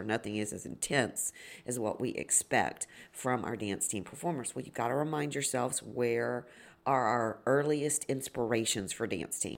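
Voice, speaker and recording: A woman with a gravelly, slightly sniffly, hoarse voice, hosting a solo podcast and explaining things reflectively as an educator. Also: a bass voice. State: hoarse and slightly sniffly after a long day of judging. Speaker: podcast host and dance educator. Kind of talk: solo podcast talk, informal teaching.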